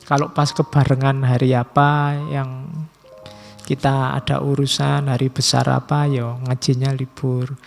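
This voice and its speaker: A middle-aged man giving a philosophy lecture, measured and slowing down to stress key terms, with casual asides. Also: medium pitch, completely flat delivery, creaky, soft background music.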